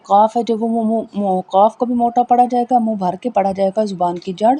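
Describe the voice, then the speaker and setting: A woman teaching a Tajweed lesson, spelling out letters slowly and patiently explaining how each one is pronounced, with faint background noise. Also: a little high, fairly even intonation, warm tone, husky. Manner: slow, patient, repeats each point. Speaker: Quran reading teacher.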